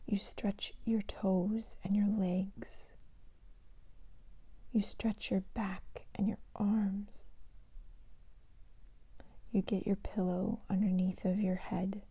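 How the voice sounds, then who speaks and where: A woman guiding a sleep meditation like a sleep story narrator, in a hushed, breathy half-whisper. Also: medium pitch, flat delivery, slow pace, long pauses, no echo. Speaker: host, card reader and meditation guide.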